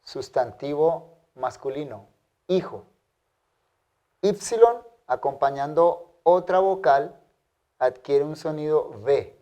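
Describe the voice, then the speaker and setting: A male teacher leads a measured language lesson, sounding out each word deliberately and repeating it for clarity. His delivery is unhurried, with a dark, mellow tone. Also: fairly high pitch, expressive. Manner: careful, drawn-out pronunciation drills. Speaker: Greek teacher.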